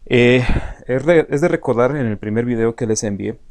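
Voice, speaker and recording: A man's voice: mid-range voice, normal speed, a little mellow. A male teacher giving a recorded online lecture, explaining step by step with frequent hesitant fillers and speaking directly to his students.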